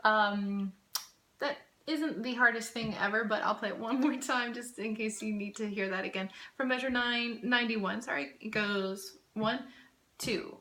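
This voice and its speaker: A woman's voice: on the high side, a little slow, sharp tone. A woman teaching a viola part, patiently explaining fingerings and singing out rhythms. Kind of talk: casual music lesson. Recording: echoey room with violin.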